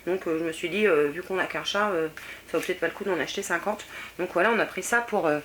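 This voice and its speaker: A middle-aged French woman talks casually through her purchases in a fairly low voice, pausing often on fillers. The home recording carries clear background noise, with traffic passing outside. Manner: chatty, many hesitations and fillers. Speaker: vlogger. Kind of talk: casual haul video chat.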